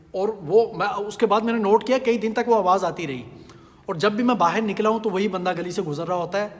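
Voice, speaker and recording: High-voiced man preaching in a reverberant hall. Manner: storytelling with rhetorical questions to listeners. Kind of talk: humorous sermon.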